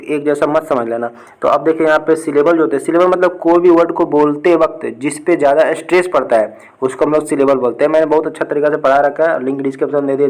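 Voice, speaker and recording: A man's voice: on the high side, darkish tone, rough recording. Chatty young male exam tutor. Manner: repeats "ठीक है" often, talks students through answers. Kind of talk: casual Hindi exam lesson.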